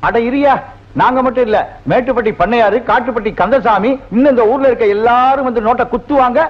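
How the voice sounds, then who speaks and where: A brash, boastful village patron, played by a man, blustering in very high, rapid speech. The sound is dull and lo-fi, like an old film. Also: steady tone.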